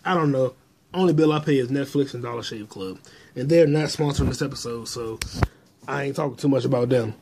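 A man's voice: medium pitch, brisk, creaky, darkish tone, slight background noise. A man hosting a solo podcast, talking in a crude, rambling, profane way into a phone held in his hand. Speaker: podcast host. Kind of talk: casual solo monologue.

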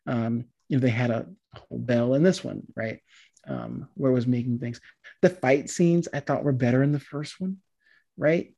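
A man's voice: medium pitch, normal speed, vocal fry, dark tone. A man chatting casually about a film he just saw, hesitant and meandering, with many ums and restarts. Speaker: movie review co-host. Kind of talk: casual chat.

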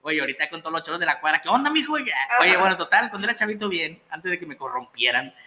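A man's voice: on the high side, expressive, quick pace, bright, forceful tone. A young man with a Mexican accent telling a story in casual, profane, slang-heavy chat and laughing as he goes.

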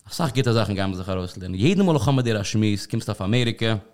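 A man's voice: on the low side, expressive, very fast, a little mellow. A man hosting a podcast in a studio, chatting loosely and rambling, with English words mixed in. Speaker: podcast host. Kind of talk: casual interview chat.

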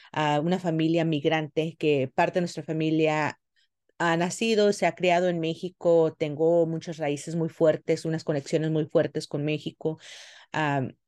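A middle-aged woman from South Texas telling her story in a podcast interview, halting with many fillers and restarts. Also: low voice, darkish tone, no room sound, studio quality. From South Texas, US border. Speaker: guest, farmworker advocate.

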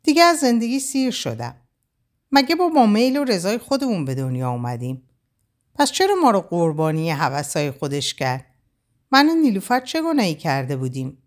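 A woman's voice: medium pitch, sing-song, close to an everyday voice. A woman reading a novel aloud, voicing a distraught young woman who is crying and lashing out. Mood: despairing. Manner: sobbing, raised and pleading outbursts. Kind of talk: audiobook character voice.

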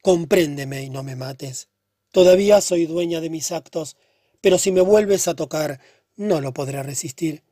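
A man reading the part of a pale, troubled young woman who speaks softly and sadly. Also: low-pitched, unhurried, no room sound, clean studio sound. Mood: pleading. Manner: soft, subdued and hushed.

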